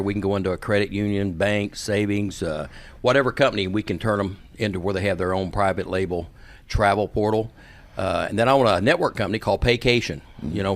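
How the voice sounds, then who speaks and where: A man chatting casually and telling anecdotes as a podcast guest. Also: fairly low pitch. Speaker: podcast guest, business owner, former referee.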